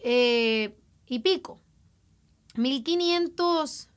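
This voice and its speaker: A woman giving an informal Bible lesson, speaking conversationally, asking her listeners rhetorical questions and drawing out words slowly for emphasis. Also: high voice. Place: lives in an English-speaking country.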